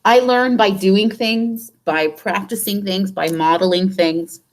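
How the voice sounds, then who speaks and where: A woman's voice: mid-range voice, unhurried. A woman biology teacher giving an exam review lesson. She explains step by step, asks rhetorical questions and patiently repeats the key points.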